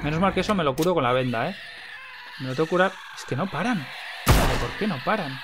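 A young man from Spain with a Castilian accent, giving excitable gameplay commentary, repeating words in bursts and swearing when startled. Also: on the high side, quick pace, over music. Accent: Castilian Spanish. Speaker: gaming YouTuber.

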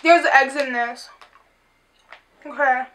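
High-voiced chatty young woman. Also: steady tone, takes it slowly, a bit bright, a little hiss or hum, poor audio. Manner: chatty, easily grossed out, giggly. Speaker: host. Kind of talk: casual candy taste-test chat.

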